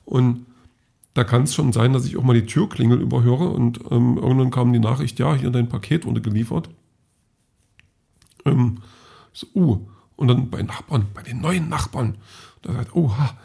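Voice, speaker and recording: A man's voice: mid-range voice, moderate pace, vocal fry, long pauses, mellow, slightly rough. A man casually telling about his day in a rambling vlog monologue, correcting himself often. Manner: rambling, self-correcting, many fillers. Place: at home.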